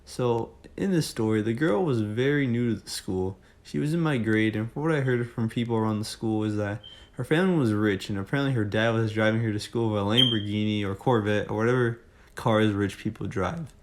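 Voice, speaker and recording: Young male vlogger, storytime, lowish voice, chatty and rambling. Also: fairly quick, noisy background. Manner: chatty, jokey, rambling with fillers. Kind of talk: casual storytelling.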